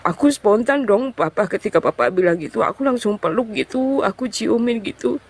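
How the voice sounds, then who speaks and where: Halting young woman giving testimony. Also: a little high, expressive, breathy edge. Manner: halting, loose speech full of fillers. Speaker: guest sharing a conversion testimony. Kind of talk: personal testimony in an interview.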